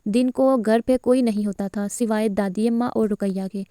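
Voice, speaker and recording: A woman reading a romantic novel aloud in steady storytelling narration. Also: medium pitch, clean tone, dry recording, studio quality. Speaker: novel reader.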